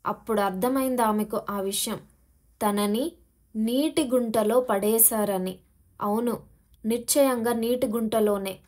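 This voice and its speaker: A woman narrating a suspense novel as an audiobook, raising her voice for the characters' frightened cries. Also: on the high side. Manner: voices the characters' shouted lines with rising emotion. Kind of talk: dramatic novel reading.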